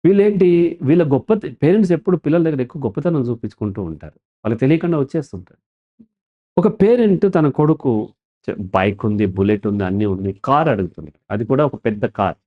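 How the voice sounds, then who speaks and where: This fast-talking man has a medium pitch and is heard over phone-quality sound. As a counselor interviewed as a guest, he explains with animation and often answers his own questions right after asking them.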